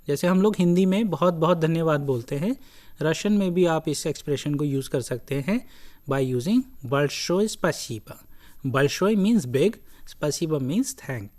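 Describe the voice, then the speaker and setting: A lecturer giving a recorded lesson, speaking deliberately in short broken phrases and repeating key words. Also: medium pitch. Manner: slow, deliberate, breaks phrases into short pieces. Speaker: language lecturer.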